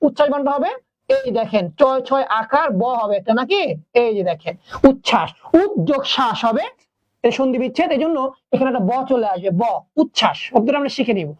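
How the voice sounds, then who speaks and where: A woman's voice: sits high, expressive, fast talker, dry recording. A woman teaching a spelling class, asking her students questions and then answering them herself. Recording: dull lo-fi recording.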